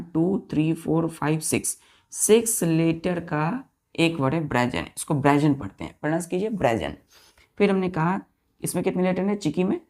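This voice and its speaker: A woman with a notably low, gravelly voice teaches a vocabulary lesson to her students. She spells each word slowly, one letter at a time, and counts the letters aloud with patient repetition. Her listeners are addressed as children throughout. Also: a little mellow.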